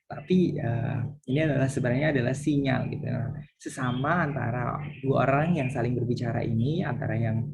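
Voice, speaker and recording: A man's voice: mid-range voice, gravelly, noisy background. A man lecturing university students, explaining patiently and acting out example phrases.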